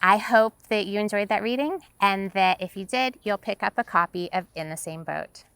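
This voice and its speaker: Bright, crisp woman reading her novel. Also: mid-range voice, normal speed. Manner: first-person present-tense narration, tense and vivid. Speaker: author.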